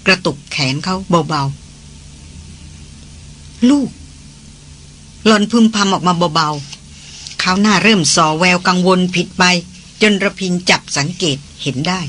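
Bright-voiced audiobook narrator. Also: mid-range voice, moderate pace, slight background noise. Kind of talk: novel reading.

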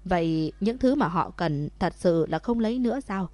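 A woman reading the lines of a soft-spoken young woman in love in a storybook. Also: fairly low pitch, lively intonation, normal speed, dry recording, close to an everyday voice.

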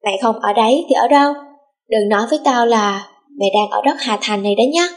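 A woman's voice: fairly high pitch, quick pace, close to an everyday voice. Woman doing a sassy blunt bestie, kinda sulky, storybook. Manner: brash and sulky. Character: young woman best friend, sassy and blunt.

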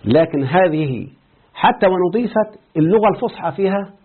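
Egyptian sheikh, quick husky grammar teacher who checks in with students, tinny phone line. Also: male voice, high-pitched, lively intonation. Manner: quizzing students with repeated checks. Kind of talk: explaining a grammar text to students.

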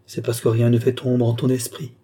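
Brief: man voicing solemn ambitious mesmerist, dark husky voice. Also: mid-range voice, completely flat delivery, a little fast, lightly acted. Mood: exalted. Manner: solemn, exalted declamation. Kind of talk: audiobook character reading.

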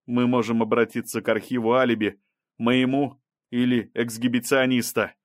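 A man's voice: medium pitch, little pitch movement, moderate pace, no room sound, studio quality, close to an everyday voice. A man reading an audiobook, voicing a male scientist on trial who protests and pleads his case. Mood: protesting.

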